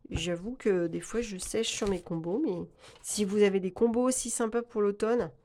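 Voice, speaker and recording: A woman's voice: mid-range voice, moderate pace, warm tone, a little hiss or hum. A woman hosting a casual tarot video, chatty and hesitant with many fillers and laughs. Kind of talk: casual chat about tarot cards.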